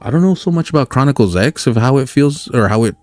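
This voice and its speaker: A man's voice: mid-range voice, lively intonation, fast, a little mellow, dry recording. A man co-hosting a podcast, chatting casually about video games in a rambling way with many fillers and restarts. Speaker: podcast co-host.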